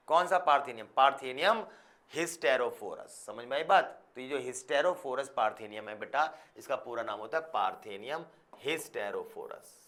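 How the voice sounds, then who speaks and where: A man delivers a biology lesson to his students in an easy, explanatory way. He keeps checking whether they are following and slips English scientific terms into his talk. His voice sits at an ordinary middle pitch. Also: a bit bright. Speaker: biology teacher. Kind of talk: classroom lecture.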